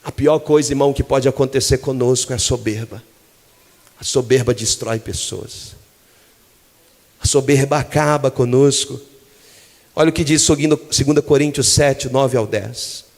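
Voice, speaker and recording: A man with a Brazilian Portuguese accent preaching a sermon as pastor, moving from low, hushed phrases to loud, passionate shouting. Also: moderate pace, in a large hall.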